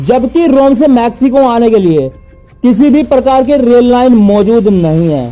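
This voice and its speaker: High-pitched man narrating a spooky tale. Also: mellow. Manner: addresses listeners as friends, suspenseful telling. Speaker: channel narrator. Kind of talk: scripted storytelling narration.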